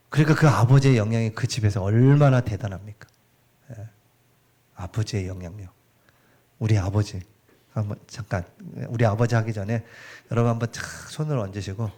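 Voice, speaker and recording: A middle-aged man preaching a sermon in a church, chatty and animated, asking the congregation questions as he goes. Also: medium pitch. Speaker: pastor. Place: church sanctuary.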